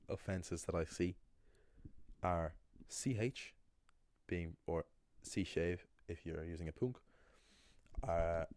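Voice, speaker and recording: A young language teacher explains pronunciation in a casual monologue, blunt and opinionated, restarting his sentences often. His voice is low-pitched and mellow, in a dry recording.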